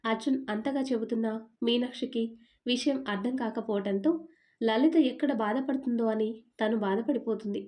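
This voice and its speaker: A woman narrating a scripted story with a steady storytelling delivery. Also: fairly high pitch, normal speed.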